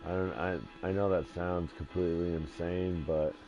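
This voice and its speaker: A man live-streaming a game from his dim living room, rambling in a sleepy, drowsy monotone. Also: sits low, moderate pace. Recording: dull lo-fi stream audio with faint music.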